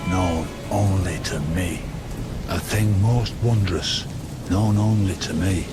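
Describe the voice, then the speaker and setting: A self-important scholar of hidden lore speaks in a low, measured, theatrical voice, as in a dark fantasy game. Loud atmospheric music and rain surround his pompous pronouncements. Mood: grateful, solemn. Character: scholarly, self-important male keeper of secret knowledge. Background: loud ambient music, rain, thunder.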